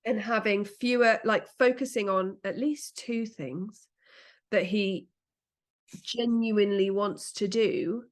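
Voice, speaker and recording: A woman's voice: mid-range voice, slow. Woman rambling on in a podcast chat, keeps correcting herself mid-sentence. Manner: chatty, rambling, self-correcting. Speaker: podcast co-host. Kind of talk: casual chat.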